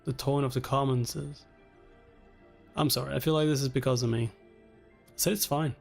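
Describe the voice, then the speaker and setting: A man with vocal fry and fairly even intonation works through a webtoon at a moderate pace, soft music behind him. As a reaction channel host, he dramatizes each caption and line, altering his pitch to separate the characters.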